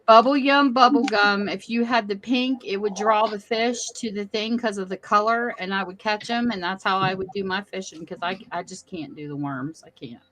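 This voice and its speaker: A middle-aged woman hosting a casual chat, telling animated family stories. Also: medium pitch, normal speed, hardly any pauses, a little hiss or hum, low-quality recording. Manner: chatty, animated storytelling. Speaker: host.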